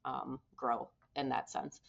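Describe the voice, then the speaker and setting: Low-voiced woman, candid and brisk. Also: little pitch movement, vocal fry, dull audio. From Minnesota. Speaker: guest, public safety communications official. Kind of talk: conversational interview.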